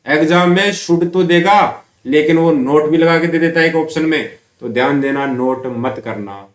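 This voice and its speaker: A male teacher explains grammar to school students in a slightly high voice. He poses questions and answers them himself, and reads English example sentences slowly, word by word. The room sounds echoey around him.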